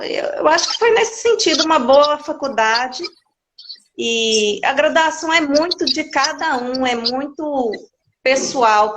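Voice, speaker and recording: A woman in her forties, raised in Minas Gerais, answers interview questions in a candid, chatty way, often restarting mid-sentence. Her voice sits a little high. The recording has clear background hiss, as on an online call. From Minas Gerais, Brazil. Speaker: guest. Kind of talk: casual interview chat.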